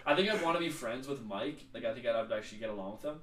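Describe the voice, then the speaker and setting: A man's voice: medium pitch, fast talker, a crowd in the background. Male podcast host, casual chat, distant mic in a roomy room. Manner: relaxed, runs the segments.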